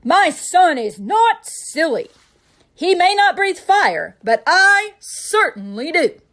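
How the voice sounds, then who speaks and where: A woman voicing a proud, fierce, protective father dragon in a storybook, emphatic and forceful. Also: very high-pitched, sing-song, slow pace, pitched above the performer's own voice, full character voice. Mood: angry, protective.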